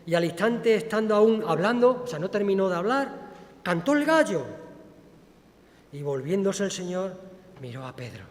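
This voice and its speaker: Male preacher, high voice, expressive storytelling sermon, church with long reverb. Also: moderate pace, pauses often. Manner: expressive preaching, acts out quoted speech. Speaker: pastor.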